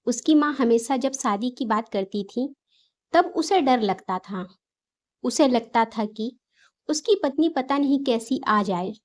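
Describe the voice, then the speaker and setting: A woman narrating a scripted moral story in a gentle, steady storytelling manner. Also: on the high side.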